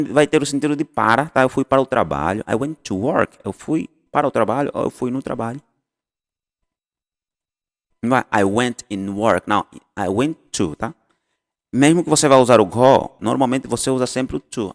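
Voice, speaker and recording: Animated male English teacher. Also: medium pitch. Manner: explains in Portuguese, models English phrases, repeats and self-corrects. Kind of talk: casual online lesson. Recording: long hall reverb.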